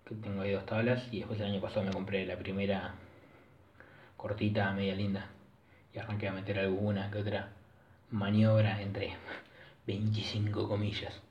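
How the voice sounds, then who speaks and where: A man's voice: deep voice, level tone, a little fast, slight background noise. A young man with a Rioplatense Argentine accent, rambling alone on his podcast in crude, casual slang and often correcting himself. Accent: Rioplatense Spanish. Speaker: podcast host. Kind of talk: casual solo podcast monologue. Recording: echoey dull lo-fi room recording.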